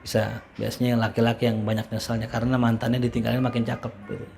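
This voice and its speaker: A man's voice: mid-range voice, monotone, fast talker, creaky, darkish tone. A man giving a casual Islamic study lecture, joking and quoting Arabic phrases before explaining them. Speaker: ustadz teaching a religious study class.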